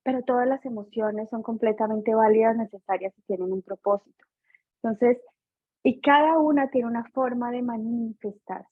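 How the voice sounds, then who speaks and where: A woman's voice: a little high, normal speed, no room sound. A woman participant in a video call, explaining her view in an earnest, teacherly way. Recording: tinny phone-like call audio.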